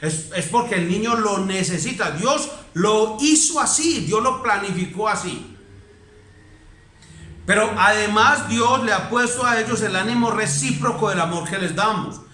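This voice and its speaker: A man's voice: sits high, lively intonation, unhurried, bright, forceful tone, echoey room, a little hiss or hum. A man with a Colombian accent, a pastor giving a sermon, preaching in a conversational, emphatic way and asking his listeners rhetorical questions. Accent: Colombian Spanish. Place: church.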